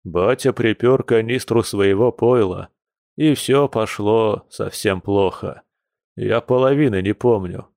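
A man doing a hungover werebear man, low and sorry for himself, who groans and moans through each line like he's dying. the voice sits low and the recording is dry and close. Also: slow, vocal fry, darkish tone, no echo. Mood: groaning. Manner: groaning, mournful. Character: hungover male bear werewolf, gloomy and self-pitying.

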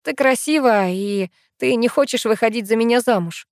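A tipsy, drowsy young man, murmuring and insecure, as a woman reader voices him, slightly high and dry. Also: normal speed, no room sound, natural voice. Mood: wistful. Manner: murmuring, self-doubting. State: drunk and drowsy. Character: drunk sleepy young man, tender and insecure.

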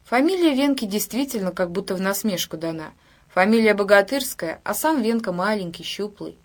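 A woman narrating a book in a measured, even storytelling manner. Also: medium pitch. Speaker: audiobook reader. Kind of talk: scripted narration.

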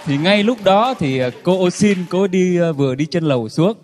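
A man telling jokes to an audience in a relaxed storytelling way, with many fillers. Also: sits high, normal speed, in a large hall, some chatter behind, a little hiss or hum. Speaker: joke teller.

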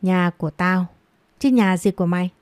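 A woman's voice: on the low side, moderate pace, a little mellow, no echo, close to an everyday voice. A woman voicing a cruel, scornful middle-aged stepmother who scolds harshly and taunts with contempt. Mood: scornful scolding.

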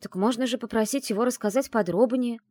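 A woman's voice: a little high, a little fast, dark tone, no room sound, clean studio sound, pitched above the performer's own voice, close to an everyday voice. A woman reading an audiobook and voicing a young witch student as the heroine, talking in a sulky, defensive way.

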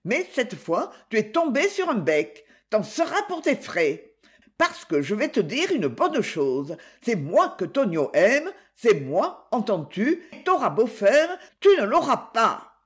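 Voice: mid-range voice, big pitch swings, slow, a bit bright. A reader voicing a furious, jealous young female cabaret dancer who shrieks insults in an audiobook. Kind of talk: audiobook reading.

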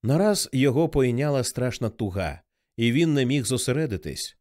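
Male audiobook reader, really lively pitch, expressive novel narration. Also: moderate pace, no echo, clean studio sound.

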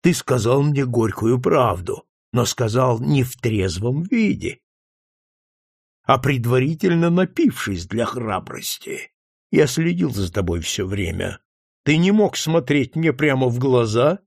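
A man voicing a calm, calculating doctor who speaks in a quiet, measured and deliberate way in an audiobook reading. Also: mid-range voice, creaky, no echo, studio quality. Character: cold calculating male doctor, calm and scornful.

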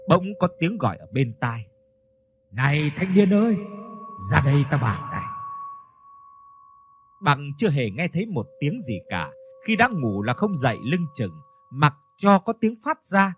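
A male storyteller narrating a ghost story in a scripted reading, with soft instrumental music behind him. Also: on the high side, very animated, normal speed, slight background noise. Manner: storytelling, voices the characters.

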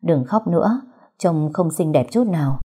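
A woman voicing a gentle young man, wounded and weak, speaking softly and tenderly. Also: low-pitched, lively intonation, moderate pace, slightly rough. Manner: soft, tender. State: weak, breathing hard.

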